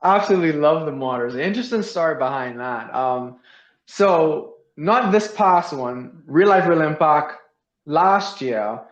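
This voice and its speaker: Young man from the Bahamas, earnest vet student guest, fairly high voice, roomy dull lo-fi sound; casual interview. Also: lively intonation, measured pace. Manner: earnest, uses many fillers like "like".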